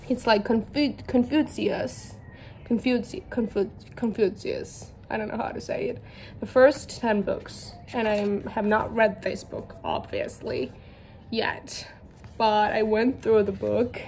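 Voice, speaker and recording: This young Georgian book vlogger, a native Georgian speaker, talks about her books in casual English, giggling and poking fun at herself. Her voice is a little high and a little mellow, with slight hiss or hum in the recording.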